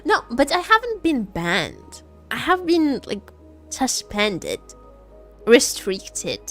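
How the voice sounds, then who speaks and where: A slow-talking woman with a fairly high voice and huge swings in pitch streams a game, chatting casually and playfully. Video game music plays as she repeats her phrases and teasingly role-plays a vampire.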